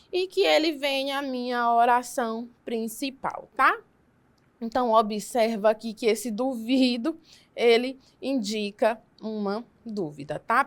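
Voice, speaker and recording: A woman's voice: sits high, a bit bright. A woman teacher with a Brazilian Portuguese accent giving a recorded lesson, explaining step by step and often checking in with her listeners.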